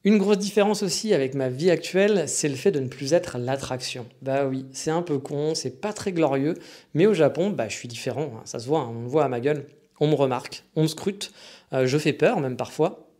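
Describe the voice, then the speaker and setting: A man's voice: on the high side, lively intonation, fairly quick, warm tone. A young French man with a French accent, hosting a casual solo podcast, joking and chatty with many fillers and restarts. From France. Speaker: podcast host.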